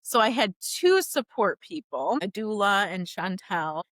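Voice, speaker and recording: A woman guest on a podcast, telling a personal story in a chatty, animated way, full of "like" and "you know". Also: mid-range voice, a little slow, no echo. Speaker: podcast guest, doula business founder.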